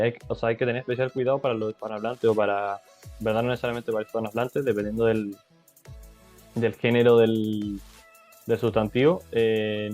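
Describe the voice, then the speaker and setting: A young man from Chile giving a casual tutorial as a language tutor, halting with many fillers and restarts. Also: mid-range voice, a little mellow.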